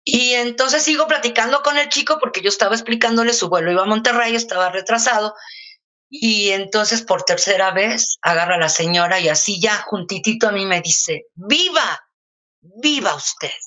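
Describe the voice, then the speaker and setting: A woman's voice: medium pitch, fairly quick, muffled recording. Older Mexican woman telling a story. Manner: lively anecdotal telling with many fillers. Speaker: interview guest. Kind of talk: casual storytelling in an interview.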